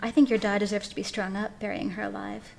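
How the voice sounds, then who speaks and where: A woman's voice: medium pitch, flat delivery, fast talker, creaky, darkish tone, natural voice. A woman reading aloud, voicing a frightened but defiant young woman in a storybook tale.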